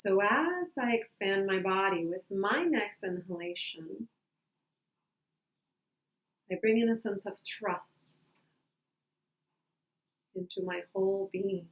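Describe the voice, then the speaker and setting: A woman leading a calm grounding exercise as a meditation guide, speaking gently and unhurriedly with long pauses. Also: medium pitch. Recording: roomy, echoing sound.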